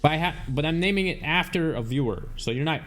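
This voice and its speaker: A man's voice: fairly high pitch, animated, fast talker, fairly bright tone, faint music behind. A man giving casual, joking let's-play commentary, swearing and rambling as he plays.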